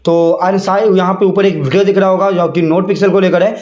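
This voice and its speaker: A crypto YouTuber chats casually in an explainer vlog, padding his talk with repeated fillers like "ठीक है" and "यहाँ पे." His high voice is steady, fairly quick, and darkish in tone, and the sound is roomy and lo-fi.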